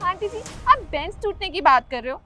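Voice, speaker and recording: A spoiled, bratty daughter, played by a woman who taunts a neighbor with glee. Her voice is very high-pitched, with faint music in the background. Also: very animated, brisk, bright, forceful tone, recorded from a distance, full character voice. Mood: taunting. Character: spoiled mocking young daughter.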